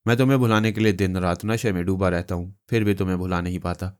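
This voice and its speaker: A man's voice: sits low, fairly even intonation, fast talker, clear, resonant tone, close to an everyday voice. A man reading a novel aloud, voicing a desperate, lovesick male informer with an anguished, pleading delivery.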